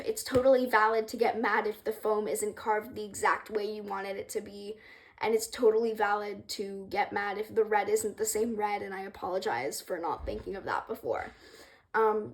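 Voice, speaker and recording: A young woman casually explaining a craft project, rambling and hesitant with many ums, apologizing for her stuttering, in a room with a wooden floor. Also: medium pitch. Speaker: craft creator. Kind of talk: casual tutorial vlog.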